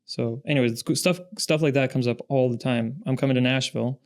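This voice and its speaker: A Russian-born man in his thirties who grew up in the Pacific Northwest appears as a guest on a podcast, where he's introduced as an industry founder. In a casual interview chat, his smooth, resonant voice holds a fairly even pitch as he tells his stories steadily and deliberately.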